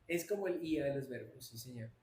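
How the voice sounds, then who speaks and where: A man's voice: medium pitch, animated, quick pace, darkish tone. A man teaching an English class live online, answering students by name and switching between Spanish and English. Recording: roomy echo, faint noise.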